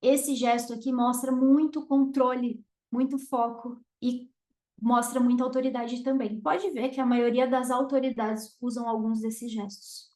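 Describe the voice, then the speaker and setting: A Brazilian woman with a Brazilian Portuguese accent, a communication mentor teaching to camera with emphatic delivery, dropping and raising her volume and pausing for effect. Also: on the high side, steady tone, mellow, reverberant. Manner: emphatic, varies volume and pauses on purpose.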